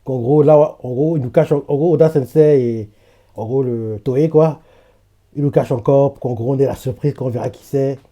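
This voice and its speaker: A man talking through a live anime reaction in a loose, rambling way, full of fillers and restarts. His voice is mellow and soft-edged, sitting at an ordinary middle pitch. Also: moderate pace. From French-speaking. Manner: chatty, laughs often, many fillers.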